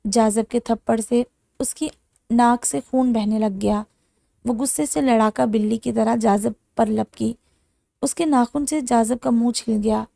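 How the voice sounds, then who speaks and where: A woman narrating a romance novel in a steady, dramatic audiobook style. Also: fairly high pitch, creaky, dry recording.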